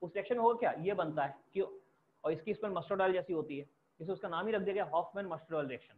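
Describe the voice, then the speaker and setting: In a racing, high-pitched voice, a male teacher lectures on chemistry, going step by step and restating key terms for students to write. It's a lo-fi recording with a tinny, phone-like quality.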